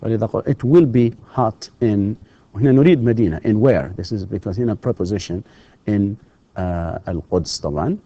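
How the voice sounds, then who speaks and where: A man teaching English in a distance-learning lecture. He moves between English and Arabic and drills example sentences slowly. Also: fairly low pitch, warm tone. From Saudi Arabia. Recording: dull lo-fi lecture recording.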